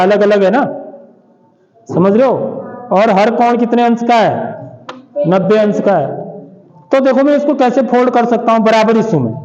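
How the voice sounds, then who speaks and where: Male math teacher, very high voice, keeps checking students follow; roomy reverb, muffled lo-fi sound. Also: a little mellow. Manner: repeatedly checks understanding, asks students questions. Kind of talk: classroom lesson explaining with examples. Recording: roomy echoey sound, dull lo-fi.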